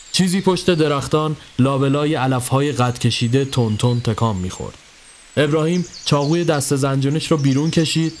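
A man giving a scripted narration of a horror story in a steady storytelling voice. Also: slight background noise. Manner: steady storytelling, dropping low for tense moments. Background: faint music.

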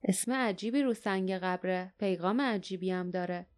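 A woman voicing a gruff, blunt grown warrior in an audiobook, speaking in a grumbling way. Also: medium pitch, close to an everyday voice.

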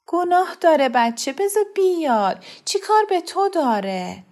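A woman's voice: extremely high pitch, very animated, darkish tone, voice pushed up, exaggerated voice. A woman voicing a mother who defends her son against her husband, pleading and indignant. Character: protective mother, pleading and defiant.

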